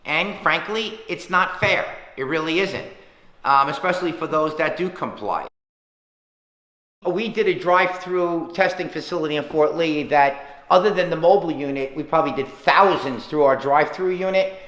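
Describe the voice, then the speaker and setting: A town official answering questions on a conference call, his voice bright and a touch high for a man. He speaks earnestly, leaning on his points and counting them off one by one. The line carries a hollow, roomy echo. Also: moderate pace. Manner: earnest, emphatic, lists points by number. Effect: heard over a conference call line. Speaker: town official leading a public teleconference. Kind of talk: public Q&A answers.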